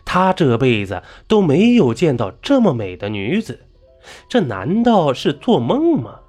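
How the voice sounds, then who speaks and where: A man narrating a ghost story in an animated, exclamatory storytelling manner. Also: on the high side, unhurried, slightly rough, faint music behind.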